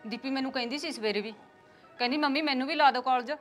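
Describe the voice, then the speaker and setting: A woman's voice: sits high, fast talker, faint music behind, lightly acted. An actress playing a caring village mother who pleads for her daughter, speaking in a Punjabi accent. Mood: coaxing. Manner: pleading, gently persistent. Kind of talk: village drama acting.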